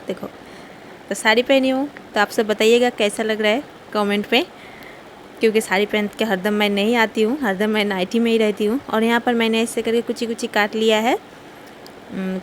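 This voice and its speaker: A woman's voice: on the high side, fairly even intonation, moderate pace, a little hiss or hum. A young woman, talking through her day and cooking in a casual home vlog, chatty and often laughing. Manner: chatty, laughs while telling. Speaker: vlogger. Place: home kitchen.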